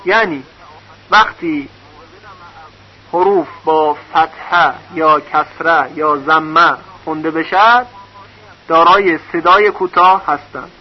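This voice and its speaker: Patient male teacher with a high voice, sounding out syllables slowly in a recorded lesson; muffled, lo-fi sound. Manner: patient, spells out syllables one by one. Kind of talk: recorded lesson on reading vowel marks. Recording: dull lo-fi recording.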